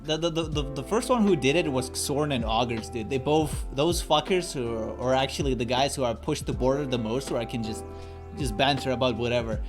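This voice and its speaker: Guesting on a casual voice-call chat, a male streamer swaps banter and curses his way through stories while lofi music plays behind. His voice is medium-pitched and a little fast.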